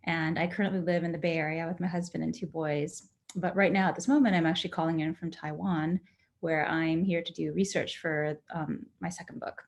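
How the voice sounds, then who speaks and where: A woman novelist from the United States giving a clear, organized introduction on a panel. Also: on the low side, a little mellow. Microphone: video call.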